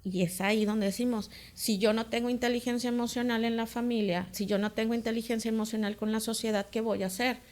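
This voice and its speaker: A woman's voice: a little high, steady tone, fast, hardly any pauses, a little mellow. A woman, a teacher, explaining ideas carefully in a casual talk-show conversation. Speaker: teacher and co-host.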